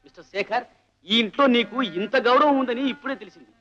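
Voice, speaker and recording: An offended friend who mocks his hosts in a very high, bright voice. He speaks quickly and sarcastically. The scene comes through a dull old film track with light music. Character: sarcastic insulted young friend. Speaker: friend of the son-in-law. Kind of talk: film melodrama acting.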